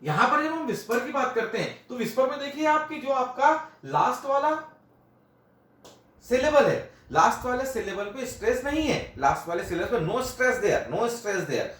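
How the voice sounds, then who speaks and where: A man's voice: very high-pitched, sing-song, normal speed, fairly bright tone, roomy sound. A male teacher explaining grammar at a classroom board. He repeats each point, asks questions and answers them himself, and mixes Hindi with phrases.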